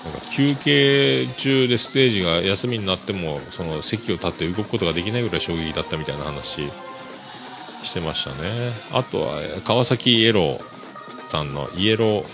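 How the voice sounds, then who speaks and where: A man chats through a relaxed solo podcast, his deep voice gravelly and his pitch bouncing around a lot. He laughs easily and pads his talk with fillers. The recording is dull and lo-fi, with music playing beneath him. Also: fairly quick. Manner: easygoing, chuckling, full of fillers. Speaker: podcast host. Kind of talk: casual solo podcast chat. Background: music playing underneath.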